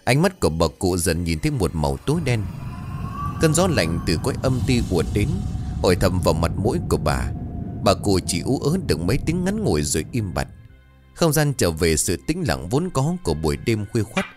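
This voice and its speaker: Male horror storyteller, deep, highly expressive delivery. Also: fairly quick, over music. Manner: dramatic, suspenseful. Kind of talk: scripted horror story narration.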